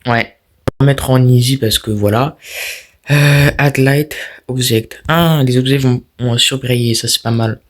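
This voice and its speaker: A man's voice: mid-range voice, unhurried. A young man giving casual let's-play commentary on a horror game, talking to himself and his viewers in a jumpy, restless way. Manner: jumpy, talks to himself and viewers while playing. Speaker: gaming YouTuber.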